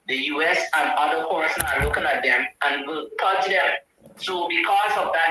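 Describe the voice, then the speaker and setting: Male caller, bright, on a heavily echoing phone line from a second device, earnest and rambling. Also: fairly high pitch. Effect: heavy echo from a second device on the phone call. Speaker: radio call-in caller. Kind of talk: call-in political opinion. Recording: echoey phone line from far off.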